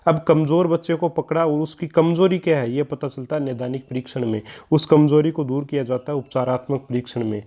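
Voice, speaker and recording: Man, exam-prep tutor, step-by-step explaining, mellow tone. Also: fairly high pitch, fairly even intonation, fairly quick, hardly any pauses. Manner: explains step by step, addresses listeners as friends. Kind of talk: online exam-prep lesson.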